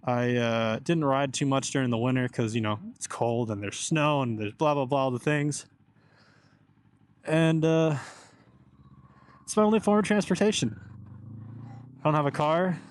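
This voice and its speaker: A young motovlogger rambles casually from his helmet while riding a motorcycle, drifting between thoughts and swearing mildly. His smooth, mid-range voice moves at normal speed with frequent pauses, over steady engine and road noise.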